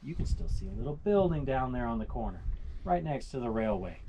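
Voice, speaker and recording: A man giving a storytelling guided tour to a group outdoors, theatrical and folksy, with rhetorical questions and dramatic pauses. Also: medium pitch, sing-song, mellow. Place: outdoors on a mountainside. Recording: noisy live outdoor recording with clicks.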